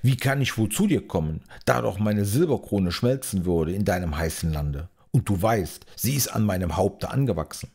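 A man voicing a mighty storm king in a fairy-tale audiobook, calling out loudly and ardently. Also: on the low side, lively intonation, normal speed, gravelly, few pauses, slightly rough, heavily acted. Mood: ardent, pleading. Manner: calls out loudly.

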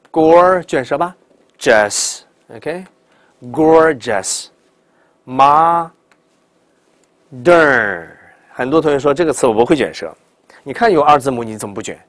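A middle-aged man teaches English pronunciation with a lively, swinging voice, stretching words out slowly as he demonstrates them. He peppers the class with rhetorical questions. The sound is dry and close to the mic. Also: mid-range voice, dry recording. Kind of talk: classroom lecture.

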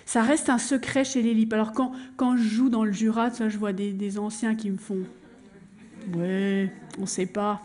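A fairly high-voiced woman performing a storytelling show, talking straight to the audience with lively energy. She slips into acted scenes and back, keeping a conversational stage delivery. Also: brisk, hardly any pauses. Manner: animated, addresses the audience, acts out scenes.

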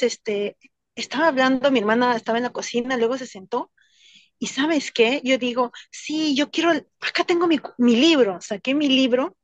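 A woman on a video call, telling an anecdote in a casual, animated way and laughing often. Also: a little high, dry recording, muffled recording. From Latin America, immigrant in Switzerland. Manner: animated, laughs often, acts out quoted voices. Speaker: book club participant.

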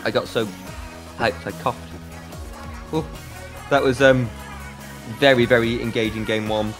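Excitable man, esports play-by-play, mid-pitched voice, soft music bed. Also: unhurried. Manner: excitable, rises sharply at big plays. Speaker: esports caster.

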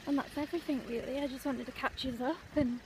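A woman's voice: high-pitched, steady tone, quick pace. A young woman, chatting casually and a little out of breath while vlogging on a windy street, full of fillers and asides. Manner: chatty, rambling with many fillers. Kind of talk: casual walking vlog. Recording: faint background noise, wind.

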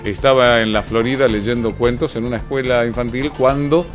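A man's voice: medium pitch, fairly even intonation, normal speed, soft background music. A man anchoring the news, commenting conversationally in the studio with frequent fillers. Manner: conversational, explanatory, many fillers.

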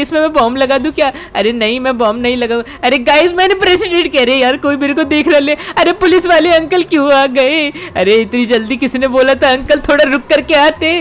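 A woman's voice: high-pitched, natural voice. A woman doing a cheeky panicky little boy. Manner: whiny, excitable exclamations, talks to viewers. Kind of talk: gameplay commentary in character.

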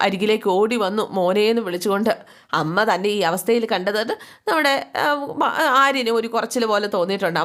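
Chatty woman retelling a serial. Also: mid-range voice. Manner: chatty, conversational. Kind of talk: casual story recap.

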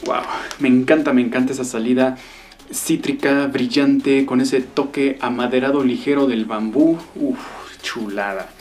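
A man's voice: mid-range voice, fairly even intonation, a little slow, darkish tone, a little hiss or hum. A man reviewing perfumes in a casual vlog, talking with eager sighs and exclamations. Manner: enthusiastic, savoring sighs and exclamations.

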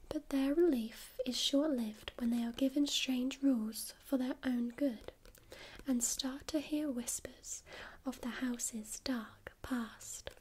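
Woman doing a friendly patient librarian lady, whispered role-play, soft library whisper, really slow and soothing, mellow tone. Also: high-pitched, a little hiss or hum, poor audio. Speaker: ASMR performer playing a librarian.

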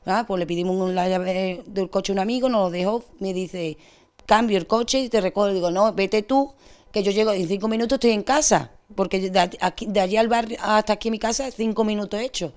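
A young woman with an Andalusian accent, giving a distressed, rushed account as an interviewee. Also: medium pitch, a little mellow. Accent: Andalusian Spanish. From Spain. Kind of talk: emotional testimony.

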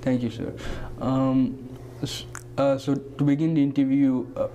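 A man's voice: medium pitch, fairly even intonation, unhurried, warm tone, highs cut off, slight background noise. A young man co-hosting, asking interview questions hesitantly with many fillers and restarts. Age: young adult. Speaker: co-host interviewer. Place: studio with green screen.

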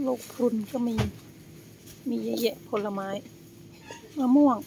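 A woman's voice: on the high side, slow pace. An older woman from Thailand chatting casually to friends as she vlogs on the move, rambling and thinking aloud into a handheld phone. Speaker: vlogger. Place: on the move in a car, shops and town streets. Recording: clear car and ambient noise.

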